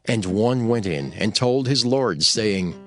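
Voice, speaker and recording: A man's voice: fairly low pitch, expressive, takes it slowly, fairly bright tone, faint music behind. A man narrating scripture in a dramatized, scripted storytelling style.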